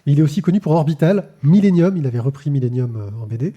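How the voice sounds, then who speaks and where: This comics podcast host, streaming live, talks fast and expressively in a fairly high, warm, slightly rough voice, though the audio sounds dull. He reviews comics casually, dropping in lots of fillers and repeated words.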